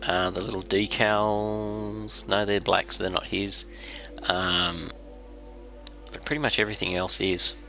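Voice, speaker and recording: An Australian man with a raspy, congested head-cold voice, giving unhurried, casual explanations as he hosts a game livestream. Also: on the low side, level tone, sharp tone, soft background music.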